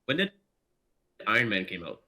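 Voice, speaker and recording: A man talking casually as a game show contestant, animated and repeating himself as he thinks aloud. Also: fairly low pitch, moderate pace. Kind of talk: casual chat.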